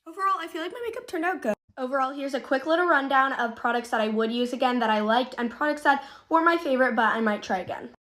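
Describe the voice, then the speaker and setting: A woman's voice: high voice, fast talker, fairly bright tone. A woman casually talking through her makeup routine and reviewing products as she applies them. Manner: casual product commentary with fillers. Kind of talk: makeup tutorial chat.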